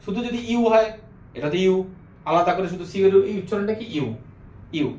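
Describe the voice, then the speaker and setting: A man teaching an English grammar lesson who keeps asking the class questions and then answers them himself, slowing down to spell out and repeat words. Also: sits high, animated, a little mellow, roomy sound.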